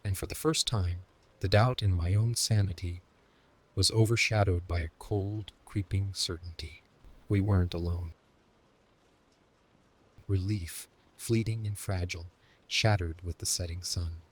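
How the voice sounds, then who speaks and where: A man telling a first-person horror story in scripted narration, slow, hushed and dramatic, sometimes sinking into a whisper. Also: deep voice, fairly even intonation, breathy edge.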